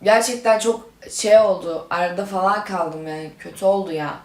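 A woman's voice: mid-range voice, steady tone, normal speed. A woman YouTuber talking in a dramatic, indignant way, reading chat messages aloud. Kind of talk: dramatic gaming vlog. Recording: roomy echo.

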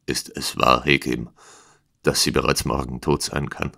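A man voicing a proud, hostile householder in an audiobook, speaking in a low, hushed, menacing way. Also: level tone, moderate pace, creaky, exaggerated voice. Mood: desperate pleading. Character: proud, hostile older male Eastern householder.

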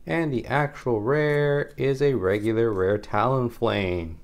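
A man's voice: medium pitch, takes it slowly. A man hosting a casual, upbeat card-opening and giveaway vlog, chatting directly to viewers and often repeating his phrases. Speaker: YouTube host of a trading card channel.

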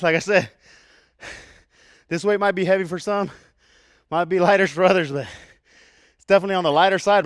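A young male fitness coach, breathing hard, leads a kettlebell workout and calls out each rep. His voice sits a bit high and comes through smooth and clear. The sound is close and dry, with no room around it. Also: a bit bright, no echo. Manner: counts reps aloud with panting sighs. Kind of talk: workout instruction.

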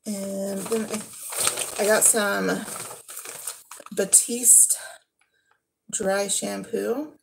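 At home in her living room, a vlogger in her thirties chats casually through a thrift haul, describing each item as she handles it. Her medium-pitched voice holds a steady tone with vocal fry, and she is unhurried, trailing off now and then. Background noise is present.

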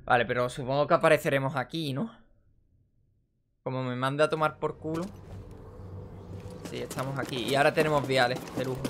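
A young adult man, giving energetic, casual let's play commentary and swearing in frustration as he plays. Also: mid-range voice, fairly quick, long pauses, noisy background. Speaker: gaming channel host.

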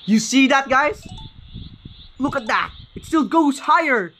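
A man giving casual, excited gameplay commentary, often stopping to correct his own words. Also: very high voice, a little slow, slight background noise. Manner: excited, often corrects himself mid-sentence. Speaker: gaming channel host.

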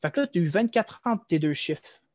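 Animated young Québécois man on a headset. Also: sits high, brisk, no echo. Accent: Québécois French. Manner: animated, explanatory, gestures while talking. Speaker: guest, former loss-prevention agent. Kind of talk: casual interview over video call. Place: small room at home. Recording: dull lo-fi video call audio.

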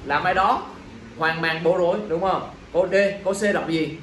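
A male teacher leads an exam review, firing quick questions at his students and checking in after every point. His voice sits a little high and carries a strong room echo, picked up from some distance with faint background noise. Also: a bit bright.

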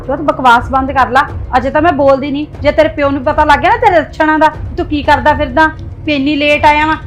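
Woman as a stern mother in a family drama, high voice, scolding, scolding tone throughout. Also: moderate pace, heavy reverb, distant mic, faint music behind, rough recording. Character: scolding middle-aged mother of a teenage son. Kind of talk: family web drama acting.

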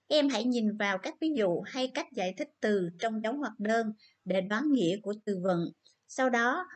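A woman teacher with a Vietnamese accent giving a vocabulary lesson, reading English words and explaining them in Vietnamese. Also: fairly high pitch. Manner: slow and careful, switching between English words and Vietnamese explanations. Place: Nha Trang school.

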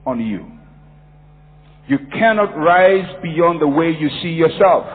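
A man from Ghana preaching a sermon, emphatic and repetitive, telling stories from his own life. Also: a little high. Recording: phone-like audio in a reverberant hall.

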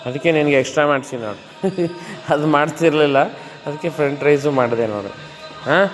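A man's voice: a little high, brisk. A man coaching a client through a gym workout, counting reps and coaxing her on. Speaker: gym trainer. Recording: echoey room with music behind.

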